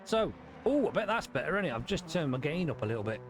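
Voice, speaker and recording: A man's voice: on the high side, very animated, fast talker. A man giving casual, matey livestream commentary on a sim race, chatting informally with some mild swearing. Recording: noisy mic with engine sounds.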